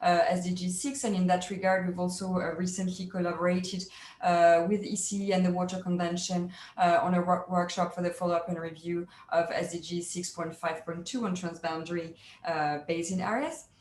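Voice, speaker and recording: A woman presents at an online panel, polite and lively, with frequent small fillers. Her voice comes through a video call in a roomy space with a faint background hiss and some room echo. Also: fairly low pitch, fairly quick. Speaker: keynote speaker. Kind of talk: webinar presentation.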